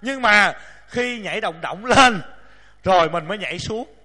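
Male Buddhist monk, playful preaching voice, bright and sharp. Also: sits high, a little slow. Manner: lively, joking, acts out voices, scolds himself. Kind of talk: dharma talk to a large lay audience. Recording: long hall reverb.

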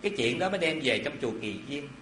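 A man giving a Buddhist dharma talk, telling a story in an animated, folksy way with asides to his listeners. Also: a little high, fast talker, a little hiss or hum. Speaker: Buddhist preacher. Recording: echoey hall with faint ambience.

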